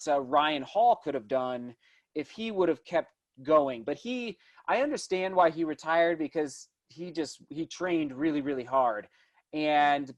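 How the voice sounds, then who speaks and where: A man in his thirties talking casually as an interview guest, enthusiastic and rambling, often restarting his thoughts mid-sentence. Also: fairly high pitch. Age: 30s. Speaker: interview guest, distance runner and vlogger.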